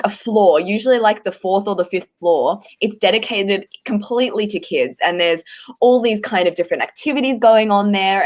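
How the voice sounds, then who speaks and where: A woman from Australia, chatting casually with lots of fillers and an easy, friendly manner. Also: medium pitch. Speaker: guest. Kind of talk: casual chat.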